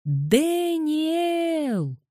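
A woman reading an audiobook voices a clingy six-year-old girl who calls out in shrill, pleading wails. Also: big pitch swings, measured pace, dark tone, no room sound, clean studio sound. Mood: pleading shouts.

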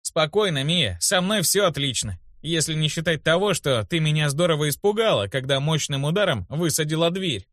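A man's voice: on the high side, animated, fast talker, few pauses, a bit bright, no room sound, voice pushed up. Audiobook: man doing a cocky boy hero, wry and self-assured, dry close sound. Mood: calm. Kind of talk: audiobook character voice.

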